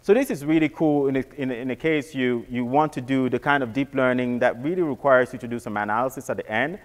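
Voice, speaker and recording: Man, technical walkthrough, mid pitch, halting restarts, reverberant hall. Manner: casual, repeats words and restarts often. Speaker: presenter.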